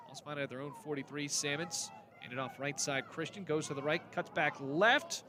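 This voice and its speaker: A man's voice: a little high, moderate pace, crowd noise. A man calling live football play-by-play in clipped, descriptive phrases. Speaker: play-by-play commentator.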